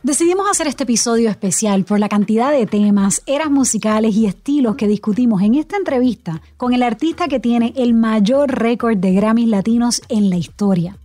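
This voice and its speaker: A Puerto Rican woman hosting a podcast, giving scripted narration in a measured, clear way and interviewing a guest. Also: a little high, animated, warm tone, no room sound. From Puerto Rico. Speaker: podcast host and journalist.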